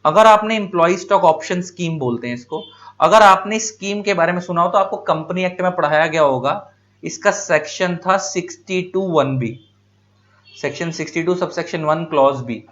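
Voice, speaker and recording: A man's voice: a little high, moderate pace, fairly bright tone, lo-fi sound. A male teacher giving a classroom lecture in Hindi. He asks questions and answers them himself, repeats key points, and calls his students "beta".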